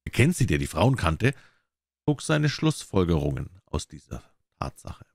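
Low, expressive male storyteller. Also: unhurried, no room sound, clean studio sound. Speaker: audiobook reader. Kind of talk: reading a classic story aloud.

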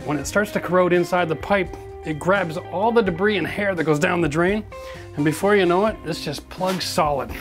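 A man in his forties hosts a hands-on renovation lesson, speaking in a direct, practical way and calling viewers folks. His voice sits a little high for a man. Soft music runs quietly under his talk. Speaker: renovation show host. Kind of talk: hands-on how-to demonstration. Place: gutted bathroom in an old brick building, indoors.

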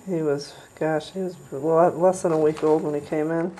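Brief: a woman rehabber with a low, warm voice, giving a gentle, chatty tour through a handheld camera. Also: steady tone, normal speed, a little hiss or hum, poor audio. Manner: gentle, chatty, coos at animals. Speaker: squirrel rehabilitator. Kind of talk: casual video tour. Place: indoor rehab room with cages.

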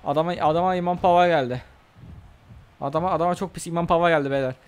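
A young man with a sore throat doing casual, excitable let's-play commentary, trash-talking his opponent and bursting into loud shouts. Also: a little high, quick pace, clear, resonant tone. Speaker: gaming channel host.

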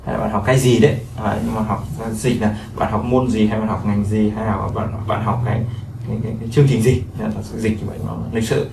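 A man's voice: fairly low pitch, level tone, fast talker, gravelly, hardly any pauses. Guy teaching a lesson, lots of "uh"s, echoey room with light hiss. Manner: repetitive, explanatory, many fillers. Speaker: Chinese language teacher. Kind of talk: explaining a textbook lesson. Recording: echoey room, mic at a distance, faint noise.

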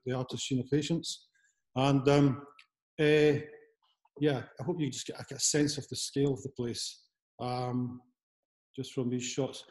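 A Scottish man in his fifties, an artist giving a casual talk over a video call from a large studio, speaking haltingly with many restarts. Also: medium pitch, darkish tone, poor audio. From Scotland. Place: large converted church studio, indoors. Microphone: laptop camera, video call.

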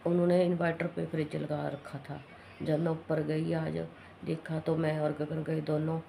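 A middle-aged woman with a hoarse throat from a cough, chatting casually and rambling through her day at home in a vlog. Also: deep voice, warm tone, a little hiss or hum. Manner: rambling, matter-of-fact. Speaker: vlogger.

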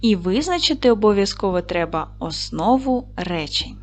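A woman's voice: mid-range voice, very animated, moderate pace, darkish tone. Patient woman teaching young children. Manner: patient, encouraging, asks and answers her own questions. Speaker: primary school teacher. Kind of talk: video lesson for young children.

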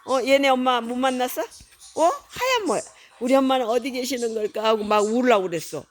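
A woman's voice: a little high, lively intonation, normal speed. An older woman, a grandmother, reading a picture book aloud to a small child in a playful, coaxing way, imitating animal sounds.

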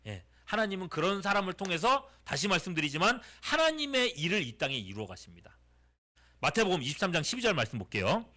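A middle-aged pastor preaches to a youth group in a high, bright voice. His pitch swings widely as he keeps putting questions to the students and answering them himself. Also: fast. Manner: animated, asks the audience many questions. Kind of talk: sermon to teenagers.

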